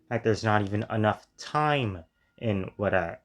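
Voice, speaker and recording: A man hosting a reaction video, analyzing and testing sounds on himself in a deliberate way. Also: fairly low pitch, expressive. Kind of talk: commentary on a played video.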